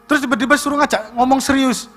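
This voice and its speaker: A young man giving a personal testimony at a youth service. He tells it in an animated way, with lots of filler tags. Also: very high voice, fast. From Indonesia. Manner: animated storytelling, repeats "like that".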